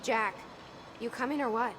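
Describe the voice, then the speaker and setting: A woman's voice: fairly high pitch, normal speed, close to an everyday voice. A woman playing a guarded, determined female undercover agent in a video game, terse and assertive. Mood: urgent. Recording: game audio with noisy ambience.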